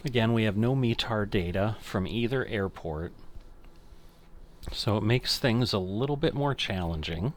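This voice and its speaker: A man's voice: lowish voice, unhurried, slight background noise. An older man casually commenting on a flight simulator game, thinking aloud and correcting himself as he goes. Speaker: flight sim streamer.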